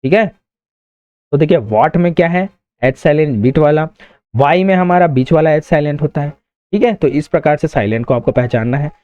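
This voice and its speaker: A man's voice: fairly high pitch, lively intonation, brisk, darkish tone, smooth, no echo. Male grammar teacher, lo-fi. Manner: explains step by step, asks and answers his own questions. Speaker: English teacher. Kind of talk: exam-prep grammar lesson.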